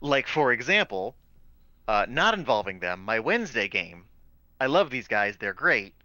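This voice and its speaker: Bright-voiced man explaining game rules. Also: mid-range voice, very animated, normal speed, no room sound, highs cut off. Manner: repeats words and restarts while explaining. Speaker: game master; high school teacher. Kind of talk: casual out-of-character chat about a tabletop game.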